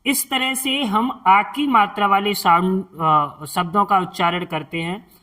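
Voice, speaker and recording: A woman teaching reading as a lesson, saying each word slowly and repeating it, then explaining the letters patiently step by step. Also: medium pitch, sharp tone. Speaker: Hindi teacher.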